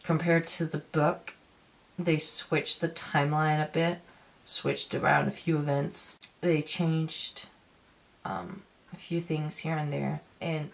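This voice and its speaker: Low-pitched creaky-voiced woman ranting casually. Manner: emphatic, repetitive, halting ranting. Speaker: film reviewer. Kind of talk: casual video review, talking to viewers.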